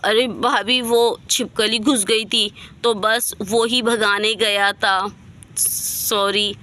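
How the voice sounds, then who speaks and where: A woman's voice: a little high, flat delivery, slow, pushed and bright. A woman voicing a fussy, flustered young village husband who scolds with an exasperated "oho". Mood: embarrassed.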